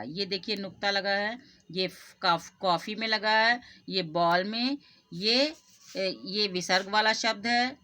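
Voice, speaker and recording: Patient woman teacher with an Indian accent, slow and crisp, bright tone, spells words out letter by letter. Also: medium pitch. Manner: patient, repeats each word and breaks it into sounds. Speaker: school Hindi teacher.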